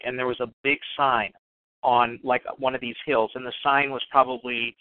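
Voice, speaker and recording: Chatty radio host on a phone line. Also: male voice, medium pitch, no room sound. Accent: general American newscaster, learned. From Chicago South Side. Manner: chatty, rambling, many restarts. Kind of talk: casual interview. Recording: dry phone-line audio.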